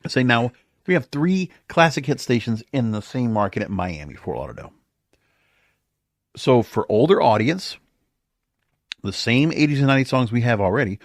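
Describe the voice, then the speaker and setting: A mid-range male voice, recorded dry at studio quality, belongs to an American podcast host offering his own strong opinions. He wanders from point to point, clearly exasperated, asking one rhetorical question after another.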